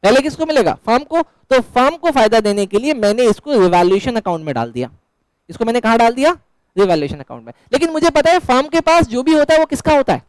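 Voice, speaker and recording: A male teacher with a very high, smooth, resonant voice lectures a class live. He fires questions and answers them himself, and he keeps up a teasing, chatty banter with his students. The sound is dry and close. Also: very animated, fast, dry recording, low-quality recording.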